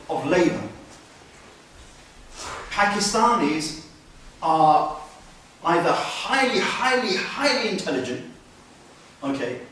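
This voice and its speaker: A man's voice: fairly high pitch, a bit bright, slight background noise. A man giving an earnest mosque lecture as a religious teacher, with many restarts and questions put to the listeners. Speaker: Islamic teacher. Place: mosque hall. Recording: very echoey hall, mic at a distance.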